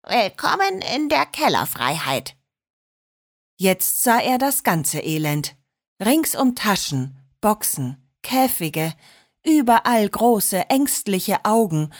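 Slow, lively woman storyteller. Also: mid-range voice, no room sound, studio quality. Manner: slow and expressive. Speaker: narrator. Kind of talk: audiobook narration.

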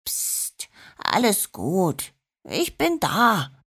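Woman doing a tiny brave elf in a storybook, whispered role-play, soft and slow. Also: mid-range voice, huge pitch swings, husky, heavily acted. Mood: hushed.

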